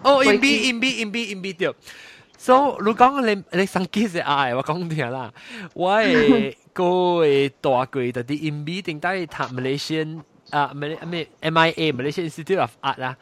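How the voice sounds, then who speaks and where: Male host, fairly high voice, lively chatty storyteller, laughs a lot. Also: moderate pace. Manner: animated, laughs often, mixes in English words. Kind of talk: casual storytelling chat.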